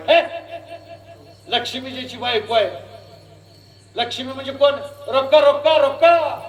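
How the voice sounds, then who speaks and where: High-voiced man preaching a devotional sermon. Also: reverberant. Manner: animated, preaching with rhetorical questions to the audience. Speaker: kirtan preacher. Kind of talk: devotional kirtan sermon with sung verses.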